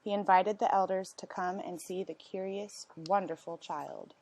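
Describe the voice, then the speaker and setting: A woman reading a storybook aloud as narration, with expressive, deliberate phrasing and questions to her listeners. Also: medium pitch, a little hiss or hum, poor audio. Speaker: storyteller reading a picture book.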